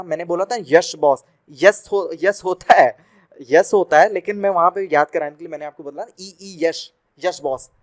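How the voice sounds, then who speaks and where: A man's voice: fairly high pitch, a bit bright. A young man giving a chatty video lesson for exam students, repeating sounds aloud to demonstrate them. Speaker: Hindi teacher for exam prep. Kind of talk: classroom-style video lesson.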